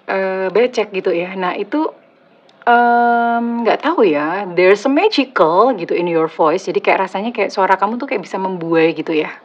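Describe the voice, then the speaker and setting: A woman with an Indonesian accent and a slightly husky voice, doing a casual, chatty tarot reading for her viewers, teasing and joking as she goes. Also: mid-range voice, normal speed. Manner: chatty, teasing, laughs at own jokes. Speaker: tarot reader. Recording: slightly dull lo-fi audio.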